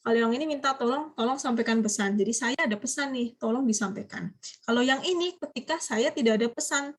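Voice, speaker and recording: Woman, Japanese teacher on a video call, slightly high voice, patient explainer who quizzes the class. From Indonesia. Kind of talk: online class lecture.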